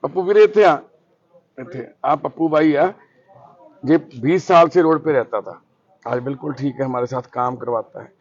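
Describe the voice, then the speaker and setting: A man's voice: mid-range voice, fairly even intonation, normal speed, muffled recording. A man, a shelter volunteer earnestly counseling a family. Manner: firm, earnest, lecturing.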